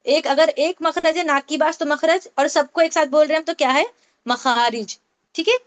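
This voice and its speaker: A woman's voice: high voice, steady tone. A woman teaching a Tajweed class online, explaining step by step, asking the class questions and repeating key points. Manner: explains with questions and repetition, mixes English terms. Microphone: online meeting call.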